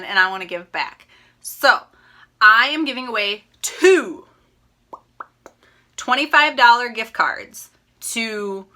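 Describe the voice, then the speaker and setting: A young woman from Minnesota talks straight to her viewers with a bright, forward tone. She rambles, backtracks and gushes, a cross-stitch host chatting casually while her voice sounds a little worn. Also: medium pitch. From Minnesota, USA. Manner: rambling, chatty, self-correcting; upbeat and gushing. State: slightly losing her voice.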